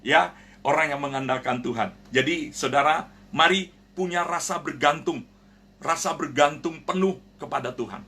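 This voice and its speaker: Speaking a little high, at a moderate pace, with a pushed, bright tone, a pastor delivers an earnest, direct sermon via online prayer broadcast. He frequently calls his listeners "saudara," brothers and sisters, and acts out quoted voices from his stories.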